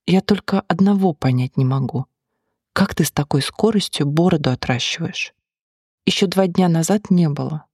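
An audiobook reader voicing a brash, curious male bar manager who keeps needling his drinking friend, in a husky voice. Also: mid-range voice, normal speed, a little mellow, no echo, studio quality. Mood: teasing.

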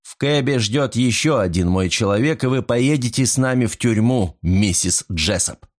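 A man's voice: medium pitch, normal speed, lightly acted. A man voicing a stern male detective who speaks in clipped, emphatic sentences in an audiobook.

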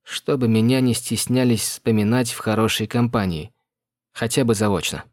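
A man's voice: medium pitch, moderate pace, no echo, clean studio sound, natural voice. A man voicing a cornered but defiant young man in an audiobook, wry and cautious.

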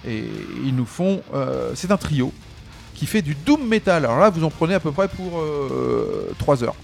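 A man's voice: a little high, expressive, a little slow, creaky, darkish tone, faint music behind. A man co-hosting a rock radio show, joking and laughing in casual banter. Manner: jokey and laughing, with wordplay.

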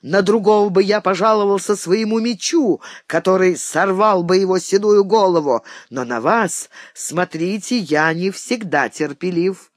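A man's voice: high-pitched, a little slow, few pauses, no room sound. Hot-headed knight, blustering, boastful, male narrator doing it, dry close sound.

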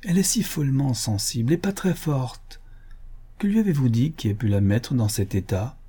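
A man reading the part of a gentle older mother, a countess, pleading affectionately with her future son-in-law. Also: medium pitch, expressive, moderate pace, slightly rough. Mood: worried. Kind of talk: audiobook character reading.

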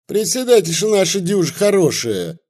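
A man's voice: sing-song, moderate pace, darkish tone. A man reading aloud and voicing two tipsy village women who jeer and spit insults. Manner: shrill, jeering, spitting.

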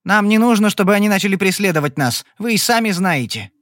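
A man's voice: sits high, expressive, fast talker, fairly bright tone, dry recording, clean studio sound, pitched above the performer's own voice. Man doing a nervous, blustering gambler. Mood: agitated. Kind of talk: audiobook character voice.

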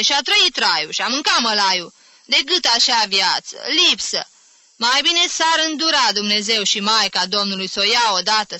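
A sour, pious old woman snaps her opinions out fast and loud, as a woman reads her in an audiobook. The tone is bright and high, dry and close. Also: no echo. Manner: tart, quick, loud. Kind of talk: audiobook reading.

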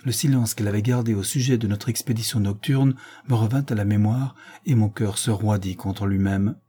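A male audiobook reader with a low voice, narrating a classic tale in the first person with a measured, sombre delivery. His tone is dark and mellow, with a slightly husky edge. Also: steady tone.

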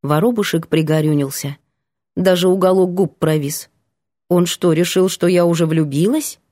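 A woman narrating an audiobook in the first person, with lively, playful storytelling. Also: fairly low pitch, moderate pace, dry recording, studio quality.

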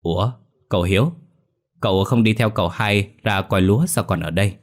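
A man voicing a gentle, forgiving young wife who speaks soothingly in a ghost story reading. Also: lowish voice, fairly quick, close to an everyday voice. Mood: surprised.

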